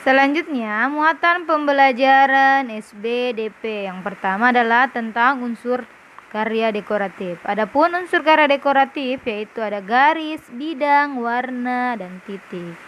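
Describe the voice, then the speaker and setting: A woman's voice: on the high side, unhurried, a bit bright, slight background noise. A woman primary school teacher reviewing a lesson for her pupils, explaining step by step and often checking whether they understand. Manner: patient, explaining step by step, often asks "paham?". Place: classroom with a whiteboard.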